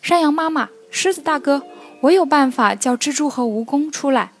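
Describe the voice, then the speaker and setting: A woman voicing a tiny young ant who wants to be a hero, in a children's storybook reading, talking high and loud with sobs. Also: animated, normal speed, faint music behind. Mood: eager. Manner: high, loud, sobbing and pleading.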